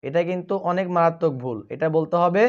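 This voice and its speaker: Guy teaching tajweed, high voice, stretches out each syllable, kinda dull lo-fi sound. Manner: slow, drawn-out chanting of letter drills, quicker when explaining. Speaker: Quran recitation teacher. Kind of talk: tajweed lesson, drilled letter chanting.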